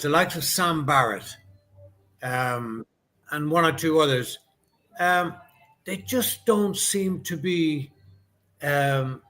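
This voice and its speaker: A man's voice: sits high, fairly bright tone. A man, a former top-level referee, talking as a guest over a video call, thoughtful and questioning, with frequent ums. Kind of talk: casual chat on a video call. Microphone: video call mic.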